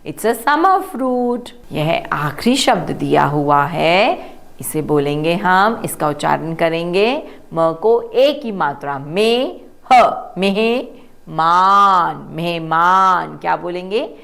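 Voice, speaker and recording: A woman teaching children to read, sounding out words slowly syllable by syllable and asking them to repeat. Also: lowish voice, vocal fry. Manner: slow, drawn-out syllable-by-syllable pronunciation. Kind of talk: children's reading lesson.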